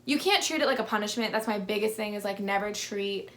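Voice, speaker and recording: A woman's voice: medium pitch, fast, fairly bright tone. A woman in her twenties with a lisp, answering viewer questions in a casual vlog, filling her talk with "like". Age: 20s. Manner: chatty, lots of "like" fillers. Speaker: fitness vlogger. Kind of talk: casual Q&A to camera.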